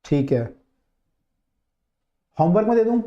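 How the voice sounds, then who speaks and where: Male physics tutor, high-ish voice, dark tone, chatty and coaxing, repeats points; roomy, muffled recording. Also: animated, a little slow. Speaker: physics teacher. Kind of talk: online class lecture. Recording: dull, roomy online-class audio.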